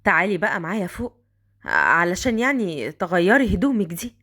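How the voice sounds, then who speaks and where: A woman with an Egyptian accent voicing a smitten older rich man who coaxes in slow, drawn-out lines. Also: fairly low pitch, very animated, bright, forceful tone, pitched below the performer's own voice, exaggerated voice. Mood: coaxing. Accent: Egyptian Arabic.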